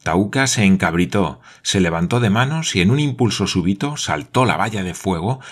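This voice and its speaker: Deep-voiced man narrating an audiobook. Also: animated, normal speed, breathy edge. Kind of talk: audiobook narration of an adventure novel.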